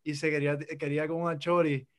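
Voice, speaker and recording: Young Puerto Rican man, upbeat and playful guest, slightly high pitch. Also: level tone, fast talker, clear, resonant tone. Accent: Puerto Rican Spanish. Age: young adult. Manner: enthusiastic, teasing. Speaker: podcast guest. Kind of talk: casual chat.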